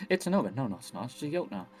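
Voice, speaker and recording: Male game player, excitable joker. Mid-range pitch that swings widely, casual chat. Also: fast, soft background music.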